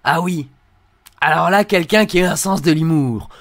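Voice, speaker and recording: A man's voice: fairly high pitch, normal speed, fairly bright tone, no echo. A young man in a dry, close-miked room reacting to hateful comments with mocking irony. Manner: mocking, ironic, reads comments aloud in put-on voices. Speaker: video creator reacting to comments.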